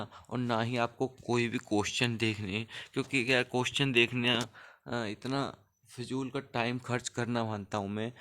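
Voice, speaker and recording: A young man coaching students for a clerical exam in a casual, conversational teaching style, often checking that they follow along. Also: mid-range voice. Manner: conversational, keeps asking for agreement. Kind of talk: casual Hindi tutoring talk.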